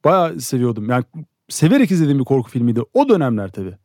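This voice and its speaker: Man, podcast co-host, rapid delivery, dry close sound. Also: mid-range voice, very animated, darkish tone, dry recording. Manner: quick, frequent listening murmurs. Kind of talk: casual podcast chat.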